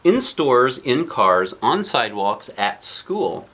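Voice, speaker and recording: A man with a mid-range, slightly bright voice and big swings in pitch reads a picture book to children. He weaves in casual asides, questioning the listener and stopping to explain the pictures.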